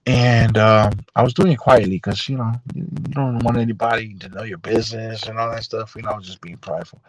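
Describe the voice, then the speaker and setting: A man telling a personal story on a live stream in a rambling, unhurried way, full of fillers and restarts. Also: fairly low pitch, fairly even intonation, low-quality recording.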